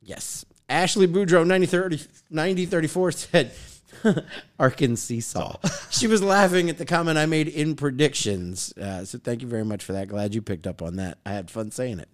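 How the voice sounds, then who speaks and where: A man's voice: on the high side, normal speed. A man co-hosting a sports podcast, joking around and reading out viewer comments. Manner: upbeat, jokey, reads out viewer comments. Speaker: podcast co-host. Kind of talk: casual sports podcast chat.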